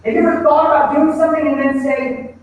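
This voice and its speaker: High-voiced male pastor in an echoey church. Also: steady tone, quick pace, a little mellow, slight background noise. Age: adult with a child. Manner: storytelling, acts out quoted voices. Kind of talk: sermon. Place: church sanctuary. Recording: echoey church hall from far off.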